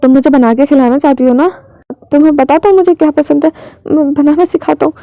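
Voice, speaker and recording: A woman's voice: high-pitched, steady tone, no echo, lo-fi sound. Woman voicing a choked, protective older brother. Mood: gentle. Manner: soft, halting, choked.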